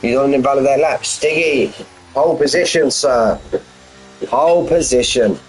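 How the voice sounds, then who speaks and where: A man calls a sim race as a chatty, informal commentator. He talks in a matey way at an ordinary male pitch. Faint music plays behind him. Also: normal speed, poor audio. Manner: matey, addresses drivers as mate, lad and bud. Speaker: sim racing league commentator. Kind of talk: live esports racing commentary, informal and chatty.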